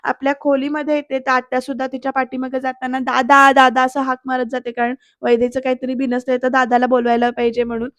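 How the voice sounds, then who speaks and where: A woman narrates a voice-over review of a TV soap episode, walking through each scene and talking straight to her viewers. Her voice is high and fairly flat in its pitch. The sound is dry and close to the mic. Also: quick pace, few pauses, no room sound, dull audio. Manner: retelling scenes with quoted dialogue, addresses viewers. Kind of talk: voice-over retelling of a TV serial.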